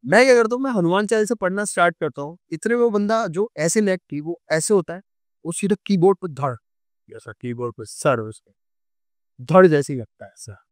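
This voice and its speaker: A young man with a Delhi Hindi accent telling a true ghost story on a podcast, animated and acting out the scenes. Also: high-pitched, a little fast, no room sound, studio quality. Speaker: podcast guest.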